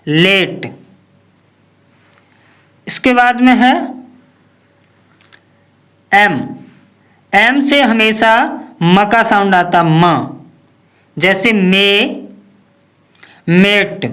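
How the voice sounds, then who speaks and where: Very slow-paced phonics teacher. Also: medium pitch, fairly bright tone. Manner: slow, drilling questions and repeating each word. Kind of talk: phonics lesson.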